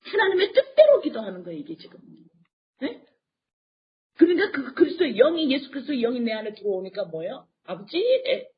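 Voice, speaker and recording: A woman pastor delivering a sermon. She fires questions at the congregation and answers them herself, and her voice swings between quiet and loud. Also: high-pitched, sing-song, fast talker, highs cut off.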